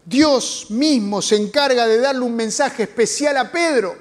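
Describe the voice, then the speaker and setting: High-voiced Argentine pastor preaching. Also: male voice, unhurried. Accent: Argentine Spanish. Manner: dramatic storytelling with acted quotes and rhetorical questions. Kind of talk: sermon.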